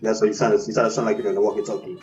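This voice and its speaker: A man on an online call, speaking in a plain, matter-of-fact way through thin, lo-fi audio with no bass. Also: level tone, racing, a little mellow, distant mic, faint music behind. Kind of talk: casual call chat. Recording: dull lo-fi call line from off-mic.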